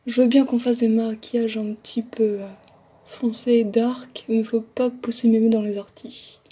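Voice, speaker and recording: Young woman beauty vlogger, casual and self-deprecating; slightly high, breathy voice. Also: level tone, normal speed, warm tone. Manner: chatty, self-deprecating, talks while working. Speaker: makeup vlogger. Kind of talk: casual makeup tutorial chat.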